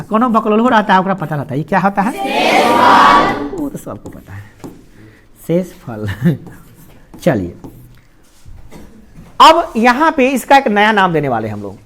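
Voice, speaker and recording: A woman teacher with a Bihari Hindi accent runs her classroom by calling questions out to the students. Her pitch rises and falls freely as she leads them along step by step. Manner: animated call-and-response questioning of students. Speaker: maths teacher. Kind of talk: classroom maths lesson. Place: classroom with a board.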